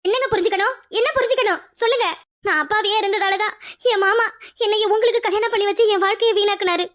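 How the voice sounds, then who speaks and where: Lady doing a sweet young wife in a cartoon, high bright voice, earnest. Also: steady tone, fast talker, dry recording. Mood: indignant. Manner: earnest, pleading. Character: gentle young wife who finally speaks up. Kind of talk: cartoon voice acting.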